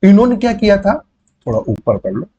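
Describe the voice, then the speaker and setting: A male biology teacher runs an exam-prep class, his voice pitched a little high yet mellow in tone. He explains step by step, repeats key terms and fills pauses with short hesitations as he writes. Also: huge pitch swings, husky, dull audio. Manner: explains while writing, repeats key terms, many fillers. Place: online class setting.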